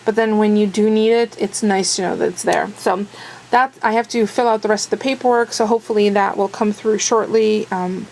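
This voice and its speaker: Woman vlogger, rambling and self-deprecating, mid-pitched, voice a little worn, faint background noise. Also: fairly even intonation, brisk, a little mellow, rough recording. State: losing her voice. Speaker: daily vlogger. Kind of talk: casual chat to camera.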